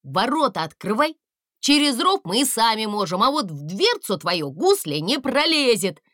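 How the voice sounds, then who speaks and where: A woman's voice: on the high side, very animated, normal speed, a bit bright, no echo, clean studio sound. A woman voicing a grumpy, practical talking cat who grumbles and gives orders. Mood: commanding. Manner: grumbling, commanding.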